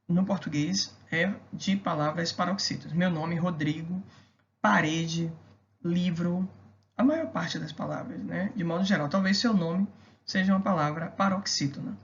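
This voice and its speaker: Low-voiced woman teaching a grammar lesson. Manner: didactic, checks in with rhetorical questions. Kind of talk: recorded video lesson on grammar. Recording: dull lo-fi recording.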